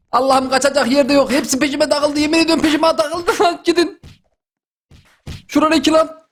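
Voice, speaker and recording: High-voiced excitable young man. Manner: excitable, yelling, slangy. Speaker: gaming YouTuber. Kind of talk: comic dub over gameplay.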